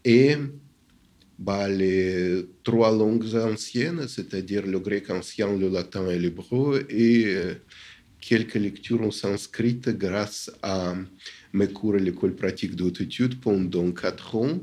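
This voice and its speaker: A man's voice: on the low side, slow pace, warm tone. A man with a foreign accent, answering interview questions as a literature scholar, hesitant with many fillers and self-corrections. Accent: foreign accent in French.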